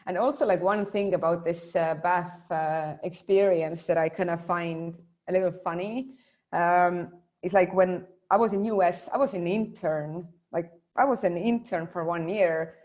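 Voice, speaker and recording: A woman's voice: lowish voice, steady tone, unhurried, darkish tone, highs cut off. A young woman from Estonia talking casually in an interview, full of fillers and restarts. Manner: chatty, many fillers and restarts.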